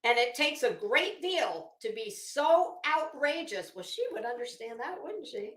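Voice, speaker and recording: A middle-aged woman gives brash, opinionated, sweary livestream commentary with dramatic emphasis. Her fairly high, expressive voice is unhurried and fairly bright, echoing around the room.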